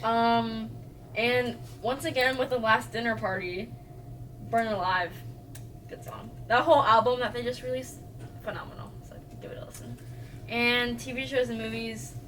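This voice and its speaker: A young woman co-hosting a casual podcast, relaxed and trailing off softly. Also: on the high side, unhurried. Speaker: podcast co-host. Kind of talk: casual chat. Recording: distant mic, faint room noise.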